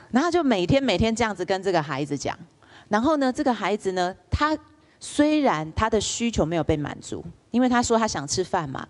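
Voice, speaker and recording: A woman lecturer, telling stories in a public lecture and asking the audience questions. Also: on the low side. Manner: lively storyteller, asks the audience rhetorical questions.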